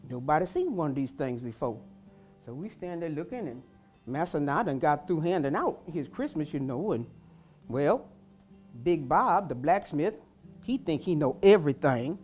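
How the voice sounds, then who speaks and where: A woman interpreter tells a first-person historical tale in a warm-toned, lowish voice. Her delivery is folksy and full of dialect, with faint guitar music in the background. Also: normal speed. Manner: folksy, dialect-rich, animated.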